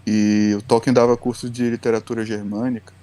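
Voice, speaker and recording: Mellow-voiced man explaining patiently. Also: mid-range voice, flat delivery, a little fast. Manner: patient, lecturing, often tags lines with "né". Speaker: guest educator. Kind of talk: explanatory podcast talk.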